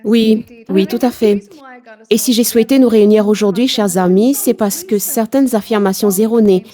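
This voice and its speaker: Mellow-voiced woman hosting a panel. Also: medium pitch, steady tone, moderate pace. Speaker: host. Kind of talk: scripted introduction and moderating.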